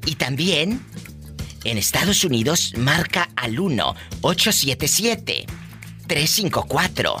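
Brash Mexican radio comedy host. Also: male voice, fairly high pitch, very animated, slow, bright, forceful tone, faint music behind. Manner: brash, teasing, theatrical. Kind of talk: live radio comedy call-in show.

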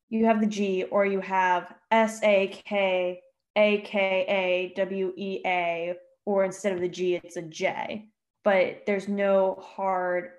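A woman's voice: mid-range voice, darkish tone. A woman co-hosting a casual history podcast, rambling and self-deprecating with lots of fillers. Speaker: podcast co-host.

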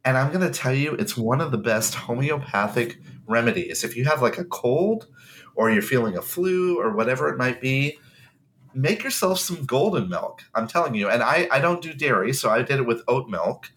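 A man's voice: medium pitch, lively intonation, normal speed, fairly bright tone. A congested man co-hosting a podcast, talking in an enthusiastic, emphatic casual way. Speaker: podcast co-host.

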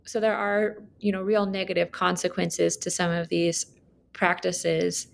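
A woman author answering interview questions about her research, explaining in a measured way with occasional ums. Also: fairly low pitch, steady tone, creaky, a little hiss or hum.

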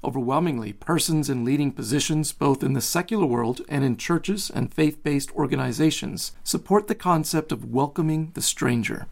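A man hosting a book interview podcast, reading a formal, measured introduction and asking questions. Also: mid-range voice, creaky. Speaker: podcast host.

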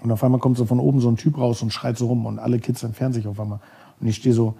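A man from Germany speaks as a guest on a podcast. His voice is very dark and a little husky. He tells his stories loosely and rambles, often stopping to search for the right word. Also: mid-range voice, flat delivery, very fast. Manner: rambling, searches for words, many fillers. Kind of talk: casual storytelling.

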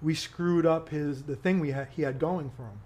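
A man with a fairly high voice speaks at a moderate pace as an activist guest on a podcast. In the casual conversation he is emphatic, growing louder whenever he makes a point.

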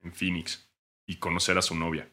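A man's voice: low-pitched, monotone, normal speed, pushed and bright. A young man with a Mexican accent co-hosting a casual sports podcast, joking crudely and swearing freely while recording remotely from home. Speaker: podcast co-host.

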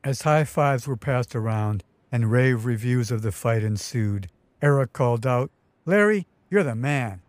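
A man's voice: medium pitch, measured pace, a little mellow, no room sound. A man narrating his own memoir story in a vivid, wry storytelling manner. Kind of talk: first-person memoir narration.

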